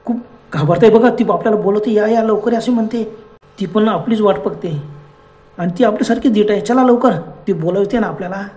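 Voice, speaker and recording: A man's voice: sits high, brisk, a little mellow, close to an everyday voice. A man voicing brash young men in a spoken horror story, teasing their scared friends and urging them on. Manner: teasing, reassuring, insistent.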